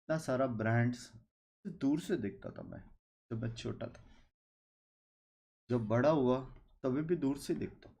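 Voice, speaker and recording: A man's voice: medium pitch, measured pace, long pauses, darkish tone. A young man with an Indian accent, hosting a game watch-party stream and joking with his viewers in casual chat, slipping English phrases into his talk. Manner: chatty and joking, mixes English into Hindi.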